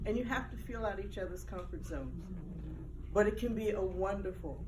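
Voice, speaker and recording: A woman's voice: mid-range voice, moderate pace. Woman talking earnestly, close to tears, mic far away, noisy room. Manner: earnest, holding back tears. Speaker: audience speaker. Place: book launch event room. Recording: distant mic with clear background noise.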